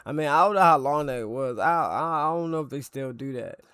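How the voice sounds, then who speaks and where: A man's voice: a little high, animated, fairly quick, a bit bright, clear, resonant tone, dry recording. A man hosting a reaction video, musing and thinking aloud in casual commentary. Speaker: reaction channel host.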